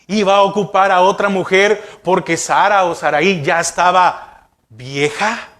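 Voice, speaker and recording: A man's voice: high voice, fairly even intonation, measured pace, a bit bright. A male pastor preaching a sermon, asking the congregation rhetorical questions.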